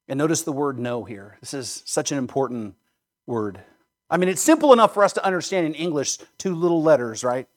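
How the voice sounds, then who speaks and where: A man preaching a sermon in an earnest, emphatic way. His voice sits a little high for a man, and he often stops to ask his listeners a question. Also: very animated, a little fast. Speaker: pastor.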